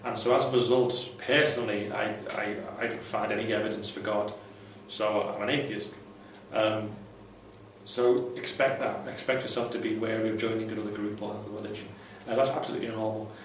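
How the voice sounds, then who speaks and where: In a very echoey room recorded with a distant mic and faint noise, a man offers viewers casual, unscripted advice full of swearing and irreverent bluntness. He's a vlogger and ex-Jehovah's Witness advice host whose lowish voice stays level and slightly fast.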